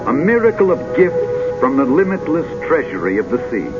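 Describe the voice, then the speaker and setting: A man narrating in a grand, dramatic, measured old sci-fi announcer manner, like a vintage futurist documentary, with drawn-out poetic phrasing. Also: fairly high pitch, very animated. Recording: dull vintage film soundtrack with music.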